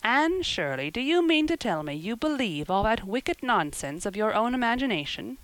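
A woman's voice: lowish voice, very animated, moderate pace, dry recording, poor audio. Stern older guardian, acted by a woman narrator: storybook character, blunt, sarcastic, scolding, no patience for nonsense. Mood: exasperated, scolding.

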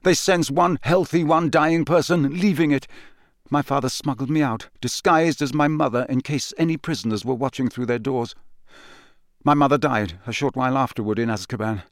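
In a dry, studio-quality recording, a man with a mid-range natural voice plays a dazed, coldly bitter young male prisoner at a moderate pace. The confession comes in clipped, expressionless sentences, detached throughout.

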